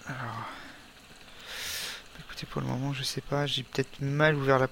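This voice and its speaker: A man's voice: mid-range voice, flat delivery, gravelly, fairly bright tone, a little hiss or hum. Hesitant French man narrating a game. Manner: hesitant, halting, many fillers and restarts. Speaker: gamer. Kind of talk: let's play commentary.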